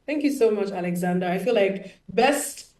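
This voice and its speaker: A woman's voice: medium pitch, lively intonation, normal speed, a little mellow. A woman hosting a panel conversation, enthusiastic and affirming toward her guests. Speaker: host. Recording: distant, roomy mic.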